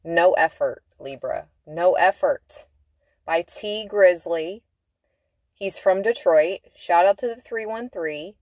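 Woman tarot reader in a car, unhurried and lowish, chatty with drawn-out emphatic words; dry close sound. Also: darkish tone, no echo. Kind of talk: casual tarot reading. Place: inside a car.

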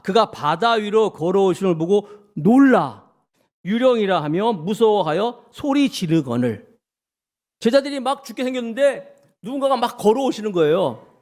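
Male pastor, middle-aged, high voice, very lively pitch, storytelling sermon. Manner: animated storytelling, acts out dialogue.

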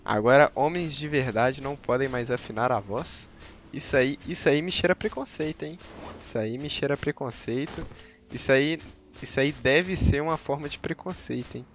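A man's voice: medium pitch, moderate pace, a little hiss or hum. A man giving slangy, joking gameplay commentary on a live stream and teasing his chat. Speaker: game streamer.

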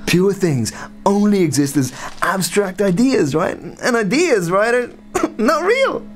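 A man's voice: high voice, big pitch swings, takes it slowly, faint music behind, exaggerated voice. An actor playing a laid-back young man who rambles and giggles about life. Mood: rambling. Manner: giggly, rambling, filler-heavy. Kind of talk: radio drama acting.

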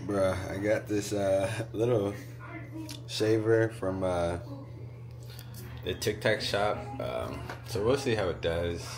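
A man's voice: sits low, slow pace, music in the background. A man in his thirties chatting casually to his vlog in a laid-back, slangy way, recorded on a handheld phone. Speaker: vlogger and father. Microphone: phone at arm's length.

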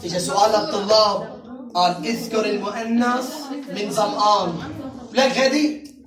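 A woman teaching a classroom lesson, drilling word patterns slowly and repeating them, chatting and laughing with her students. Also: medium pitch, over music. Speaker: Arabic teacher. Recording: roomy classroom sound from a distant mic, crowd behind.

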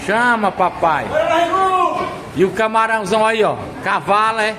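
A man's voice: high-pitched, steady tone, normal speed, crowd noise, background noise. A man with a Northeastern Brazilian accent from Ceará giving boisterous promotional commentary like a vendor, repeating catchphrases. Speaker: promoter filming at a fish shop. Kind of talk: loud promotional vlog commentary with vendor-style calls. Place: large tiled fish shop indoors. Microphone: handheld phone of the person filming. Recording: echoey busy hall with people around.

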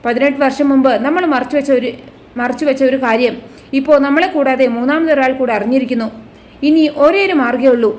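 A woman's voice: high voice, fast talker, a little mellow, natural voice. A woman voicing a ruthless, scheming middle-aged villainess who plots murders, speaking coldly and menacingly. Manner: cold, menacing, plotting.

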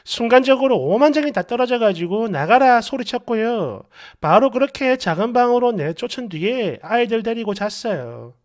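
A woman's voice: on the high side, expressive, moderate pace, few pauses, darkish tone. A woman reading a dramatized online story in an exasperated, gossipy manner. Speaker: story narrator.

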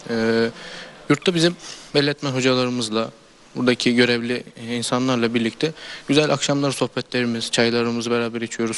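Teenage boy, student, quick earnest answers, faint background noise. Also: medium pitch. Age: teens. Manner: earnest, speechlike, many hesitations. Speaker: high school student. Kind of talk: interview answers.

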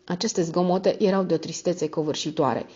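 Low-voiced woman narrating a classic novel. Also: dark tone, slightly rough. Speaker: audiobook narrator. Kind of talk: scripted narration. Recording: dull lo-fi audio.

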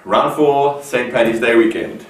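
A man's voice: mid-range voice, a little slow. A man hosting a casual sports chat show, loose and joking, talking with plenty of fillers and restarts. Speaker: show host. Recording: roomy, distant mic, faint noise.

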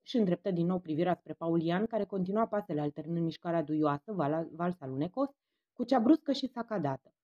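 A woman's voice: lowish voice, expressive, dark tone, dry recording, muffled recording. A woman narrating an audiobook story expressively and giving each character a voice. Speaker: audiobook reader.

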